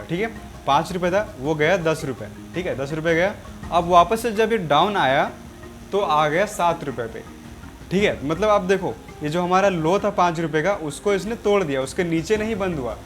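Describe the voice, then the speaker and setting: A man with a slightly high voice walks viewers through a price chart, a little hoarse from a sore throat. He keeps repeating himself and checking in with his audience. Faint music plays under his voice. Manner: repetitive, keeps saying "okay" and "friends". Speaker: trading teacher. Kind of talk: explaining a chart on screen.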